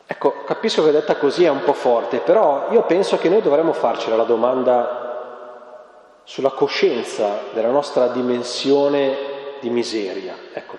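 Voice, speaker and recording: A man's voice: mid-range voice, dark tone. A man preaching a conversational sermon during spiritual exercises, ironic and asking his listeners questions. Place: parish church. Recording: echoey church hall.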